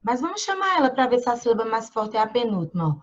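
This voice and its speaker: A woman teaching young children, talking slowly and patiently, stretching out syllables and checking in with frequent tag questions. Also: fairly high pitch, very animated, dull audio. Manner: drawn-out syllables when sounding out words. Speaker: primary school teacher. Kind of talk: online lesson for young children. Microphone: computer mic during screen share.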